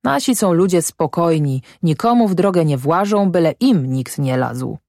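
A woman's voice: lowish voice, lively intonation, a little mellow, no echo, clean studio sound. Female reader doing a weary sick old man who talks in broken bursts. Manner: halting, broken speech.

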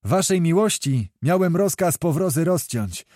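A man's voice: a little high, expressive, unhurried, darkish tone, dry recording, studio quality, voice pushed up. A man doing an earnest, deferential army officer. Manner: respectful, earnest explaining.

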